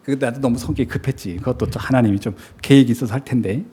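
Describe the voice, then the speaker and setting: A middle-aged man preaching a sermon as pastor in a church, animated and storytelling, with emphatic repetition and frequent laughter. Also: mid-range voice, very fast, slightly rough. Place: church sanctuary.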